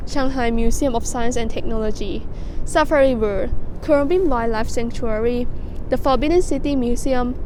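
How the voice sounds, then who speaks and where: A woman's voice: fairly high pitch, noisy background. A young woman from Thailand with a Thai accent, a student vlogger reading her essays aloud and explaining them casually, with many "like" fillers. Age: young adult.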